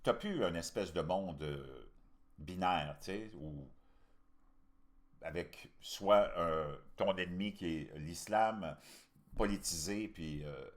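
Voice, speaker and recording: Low-pitched and slow, a Canadian man with a Québécois French accent hosts casual, opinionated political commentary. He speaks colloquially and with emphasis.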